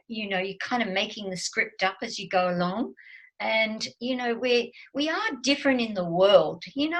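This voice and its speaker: A woman's voice: fairly high pitch, a bit bright, low-quality recording. A woman in her seventies, a guest on a video call, talking casually and hesitantly with many fillers and restarts. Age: 70s. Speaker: guest speaker.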